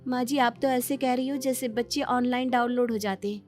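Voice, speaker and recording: A woman voicing a sweet, spirited young woman in an animated story, talking brightly and expressively. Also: fairly high pitch, brisk, faint music behind, voice pushed up, natural voice. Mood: chatty. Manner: bright, expressive, wails when in pain. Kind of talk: storybook cartoon voice acting.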